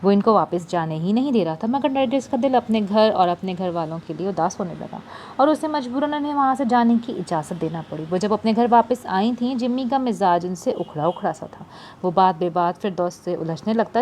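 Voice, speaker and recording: A woman's voice: medium pitch, slight background noise. Woman narrating a novel audiobook. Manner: steady storytelling. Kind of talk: novel reading.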